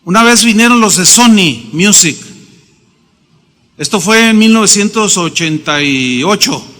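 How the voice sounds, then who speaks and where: High, bright pastor in a hall. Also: male voice, animated, a little slow. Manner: emphatic, storytelling with acted quotes. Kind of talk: sermon. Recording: long reverb of a hall.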